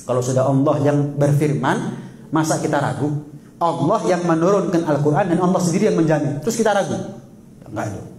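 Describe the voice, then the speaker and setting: A man giving a sermon, lively and teasing, often asking the audience questions. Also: fairly high pitch, brisk, roomy sound, a little hiss or hum. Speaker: preacher.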